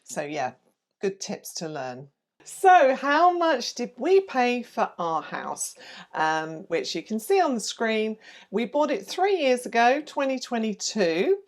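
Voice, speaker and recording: A woman co-hosting a casual chat to camera, talking in a relaxed way with frequent ums. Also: on the high side, slow. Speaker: co-host.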